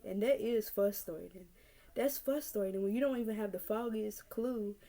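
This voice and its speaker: A woman's voice: mid-range voice, dark tone. A nineteen-year-old woman from North Carolina, talking earnestly to her camera in a casual vlog and repeating her points to encourage the viewer. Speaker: vlogger. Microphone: camera mic.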